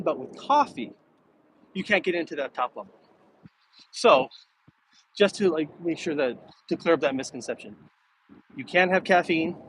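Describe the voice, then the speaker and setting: On a live stream recorded while walking city streets, a middle-aged American man chats casually and easygoing, answering viewer comments. His voice is on the high side with a fairly bright tone. The audio is poor, with outdoor ambient noise in the background.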